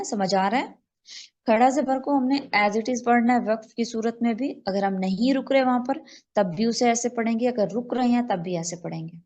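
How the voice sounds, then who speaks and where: A woman from Pakistan teaching an online recitation class, explaining rules step by step, checking that students follow, and drawing out example words slowly. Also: on the high side, darkish tone. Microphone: online call.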